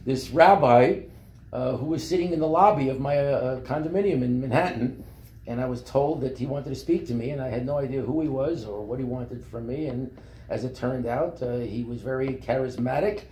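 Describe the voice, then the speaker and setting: A man recounts his life in a loose, rambling way, full of fillers and restarts. His voice is dark and mellow. It was recorded on a phone across a table in an echoey office with a faint hum behind it. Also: mid-range voice. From Brooklyn, New York. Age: 70s. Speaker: company founder. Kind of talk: interview storytelling. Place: office meeting room.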